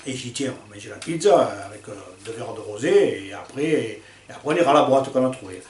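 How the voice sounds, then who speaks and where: Older man, casual anecdote, chatty and lively, roomy echo, distant mic. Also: medium pitch, a little fast, slight background noise. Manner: chatty and lively, with laughs, fillers and acted quotes. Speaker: storyteller.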